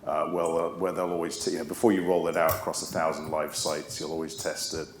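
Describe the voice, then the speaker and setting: Deep-voiced male engineer, halting answers, roomy sound. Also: little pitch movement. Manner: halting, many restarts and fillers. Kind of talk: technical Q&A. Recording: roomy echo, faint hum.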